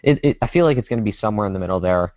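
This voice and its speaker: Man, podcast co-host, fiery profane sports rant, lowish voice, dry dull call audio. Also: expressive, racing, no echo. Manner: heated, profane ranting. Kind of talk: casual sports chat. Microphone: remote call with a dropping connection.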